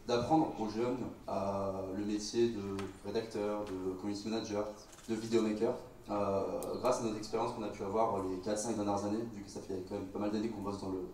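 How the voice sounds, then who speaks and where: Man, 20, low voice, halting, fillers, roomy hall, faint noise. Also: warm tone. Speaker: media website cofounder. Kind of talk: casual panel talk. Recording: roomy hall mic from far off.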